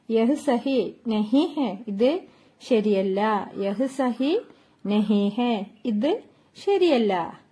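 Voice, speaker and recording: A woman's voice: on the high side, warm tone. A woman teaching Hindi phrases, patiently repeating each one several times. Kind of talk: slow language lesson, repeating each phrase.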